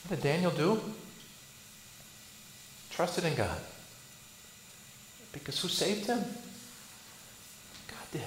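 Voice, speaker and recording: Pastor, male, high voice. Preaches with rhetorical questions and sharp shifts between loud and soft. Roomy church sound with faint background hum. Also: big pitch swings, slow pace, pauses often. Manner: asks rhetorical questions, swings between loud bursts and hushed lines. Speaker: Lutheran pastor. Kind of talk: sermon.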